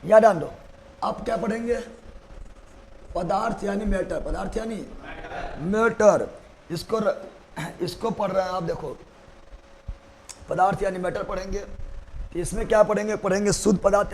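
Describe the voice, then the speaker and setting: A man's voice: high-pitched, normal speed, vocal fry, pauses often, slight background noise, rough recording. A man teaching chemistry in a live class, repeating each answer. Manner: repeats answers in a sing-song drill, asks and answers himself. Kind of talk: live online class, call-and-response drilling.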